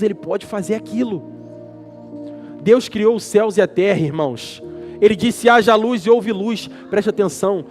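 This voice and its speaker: A high-pitched man preaches in Brazilian Portuguese at a church service, throwing questions out to his congregation. His delivery is emphatic, with call-and-response. Soft music plays faintly behind him. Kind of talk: sermon.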